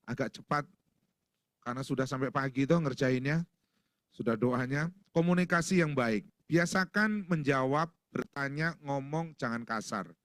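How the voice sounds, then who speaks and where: A man's voice: mid-range voice, a bit bright, no echo, studio quality. A middle-aged male pastor preaching a sermon in a church, folksy and joking, acting out little household exchanges.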